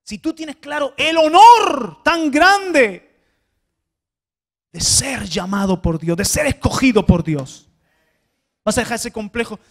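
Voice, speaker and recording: A male pastor preaching a sermon to a congregation, swinging hushed tones to loud exhortation and often repeating small words. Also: very high-pitched, lively intonation, takes it slowly, long pauses. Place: church before a congregation.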